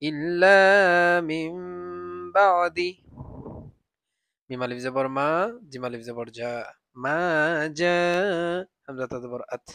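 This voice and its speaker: A male Quran teacher works through the text one letter at a time, naming each vowel mark before joining the syllables. His voice sits at an ordinary pitch for a man. Between the spelling he lifts into slow, drawn-out recitation. The sound is dry and close. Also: steady tone, a bit bright, dry recording. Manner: spells letters and vowel marks step by step, then chants the verse slowly.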